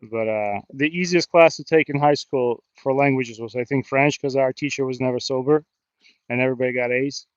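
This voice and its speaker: Brisk and mid-range, a New Jersey man's American-accented voice carries his rambling, joking live stream from a park river, where he's often the butt of his own jokes. The recording is dry and dull.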